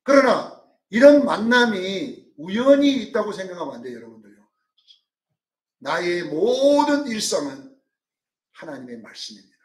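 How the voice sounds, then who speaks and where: A male pastor preaching a sermon, dramatic, swinging from loud calls to hushed asides and acting out quotes. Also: sits high, sing-song, a little slow, far from the mic. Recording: roomy sound from off-mic.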